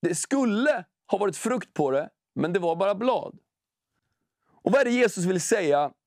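A man preaching a sermon, praying and telling a personal story in a relaxed, conversational way, slowing down to read scripture. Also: sits high, no room sound, clean studio sound. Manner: conversational, storytelling, slow and emphatic when reading scripture.

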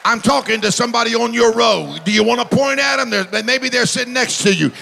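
A middle-aged man preaching a charismatic sermon in a church, shouting declarations in chanted, repeated phrases. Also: extremely high pitch, fairly quick, creaky, big-room sound, soft background music, a faint crowd. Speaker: pastor. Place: church hall with congregation.

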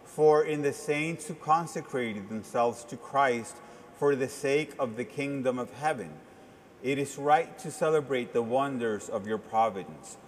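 A man speaking as a priest at Mass, reciting liturgical prayers in a measured, formal way with a cathedral-like echo. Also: mid-range voice. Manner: measured, formal delivery in short phrases. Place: large reverberant church. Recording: cathedral-like echo, long church reverb, background noise.

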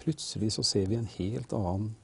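A man's voice: on the low side, creaky, breathy edge. A male host leading a Bible discussion, reflective and leading the conversation.

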